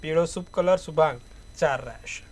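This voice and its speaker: A man's voice: fairly high pitch, moderate pace, darkish tone. A man giving an astrologer's daily horoscope and tarot reading, advising in repetitive, proverb-like phrases.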